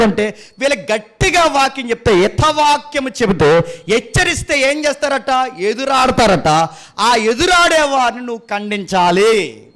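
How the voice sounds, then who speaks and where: A man's voice: extremely high pitch, fairly bright tone. A man preaching a sermon, scolding his congregation with mocking rhetorical questions.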